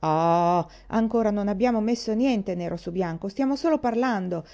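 Brief: commanding young boy in a storybook, read by a woman, firm and a bit louder. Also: mid-range voice, moderate pace, highs cut off, natural voice. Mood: protesting. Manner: authoritative, lecturing. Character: bossy young boy, eager club leader.

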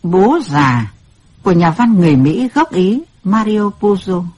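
A woman's voice: fairly low pitch, animated, unhurried, darkish tone, breathy edge. A woman hosting an audiobook, addressing the listeners and summarizing the story in a scripted introduction. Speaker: audiobook host introducing the reading.

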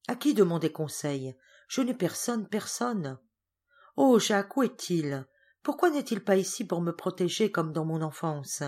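A woman's voice: fairly low pitch, a little mellow. A woman reading aloud and voicing a distraught, pious young woman, anguished and pleading.

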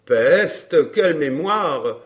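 A man reading a glib, self-assured gentleman in an audiobook dialogue, smooth and bantering. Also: a little high, animated, extremely slow.

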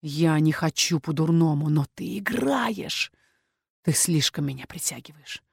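Woman doing a possessive young dragon guy, hushed and heated, dry close sound. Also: sits low, animated, unhurried, vocal fry, slightly rough, dry recording, exaggerated voice. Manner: hushed, insistent, heated whisper. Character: young man, possessive pushy dragon-shifter. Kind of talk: audiobook character voice.

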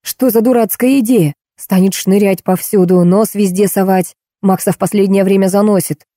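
A grumbling, scornful man who has had a glass too many, picking at everything in a raised, sour voice, as a woman reads him in an audiobook. The tone is mellow and dark, and the recording is close and dry. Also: mid-range voice, fairly even intonation, normal speed, no echo, close to an everyday voice. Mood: irritated. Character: irritable tipsy middle-aged man, grumbling.

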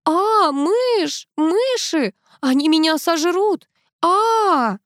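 A woman's voice: high voice, fairly quick, no room sound, studio quality, voice pushed up, natural voice. A woman voicing a hysterical woman who is terrified of mice and shrieks her lines. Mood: panicked. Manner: shrieking, screaming.

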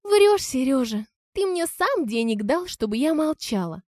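A woman reading an audiobook, voicing a brazen young woman with a sneering, high voice. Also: big pitch swings, measured pace, a little mellow, dry recording, studio quality. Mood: insolent.

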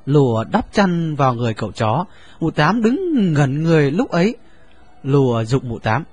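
A man narrating a story in an expressive, lively reading. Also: on the high side, moderate pace, husky, no room sound, lo-fi sound.

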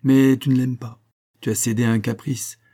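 A man's voice: mid-range voice, flat delivery, normal speed, dark tone, lightly acted. A man voicing a bitter, sarcastic older man who lectures a friend in an audiobook. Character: old man Liénard, bitter and cutting.

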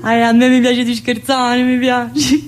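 Lightly acted and mostly monotone, a stage actress's rather high voice moves unhurriedly through a colloquial monologue as a needling female prisoner. Her southern Italian accent and familiar, teasing manner carry a playful, mocking mood, full of rhetorical questions.

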